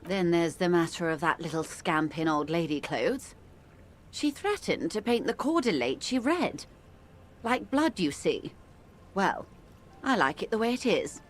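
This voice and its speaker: An actress voicing a poised, composed middle-aged woman of means in a video game, speaking in a measured, courteous, faintly wry way. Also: on the low side, sing-song, slight background noise. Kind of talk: voiced video game dialogue.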